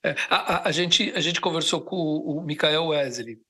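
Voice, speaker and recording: A man's voice: on the high side, moderate pace, sharp tone, slightly rough. A man hosting a podcast, chatting in a friendly, enthusiastic way over a remote call from home. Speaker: podcast host. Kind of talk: casual chat.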